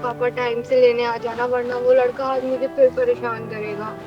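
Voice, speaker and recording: A woman's voice: fairly high pitch, little pitch movement, normal speed, lo-fi sound, over music, close to an everyday voice. A woman playing an anxious schoolgirl who is harassed and pleads with her father. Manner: pleading, distressed.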